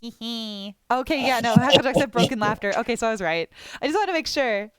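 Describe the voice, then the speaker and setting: A woman's voice: fairly high pitch, expressive, brisk, clear, resonant tone. A woman streamer chatting casually and rambling while she draws requests, laughing often and swearing offhand. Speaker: streamer drawing viewer requests. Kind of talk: casual live-stream chat.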